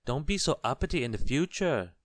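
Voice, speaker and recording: In a clean, dry studio recording, a man puts on a voice pitched above his own to play a small, cheeky male goblin in a children's storybook. His mid-range tone is fairly bright and very animated, moving at a moderate pace as he teases and exclaims in a warning mood.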